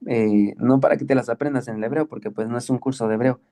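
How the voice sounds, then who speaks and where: Patient male Greek teacher, dark voice. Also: mid-range voice, gravelly. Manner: patient, explains slowly with many checks like "¿ok?" and "¿sí?". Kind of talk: online class lesson.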